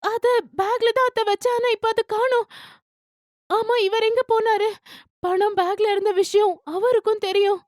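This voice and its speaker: A woman doing a high, hurt young wife. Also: little pitch movement, moderate pace, a little mellow, no room sound, studio quality. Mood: pleading.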